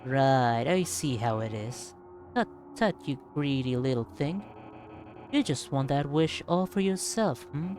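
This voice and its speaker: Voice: mid-range voice, expressive, measured pace, a little mellow, lightly acted. A performer voicing a brash, scheming bully in a comedic game, cocky and mocking, mangling words. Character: brash, scheming bully who wants a wish.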